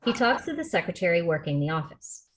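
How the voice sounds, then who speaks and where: Over a video call for a table read, a woman reads a script's stage directions steadily and matter-of-factly. Her pitch is fairly low and she talks fast.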